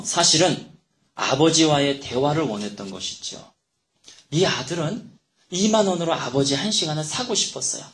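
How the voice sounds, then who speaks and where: Male pastor, storytelling sermon, animated delivery, roomy hall sound. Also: fairly high pitch. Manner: acts out dialogue voices while telling a story.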